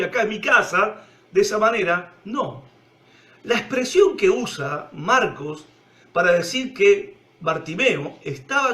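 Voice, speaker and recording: A man with a Rioplatense accent preaching a sermon, emphatic, swinging from loud cries to hushed low tones. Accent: Rioplatense Spanish.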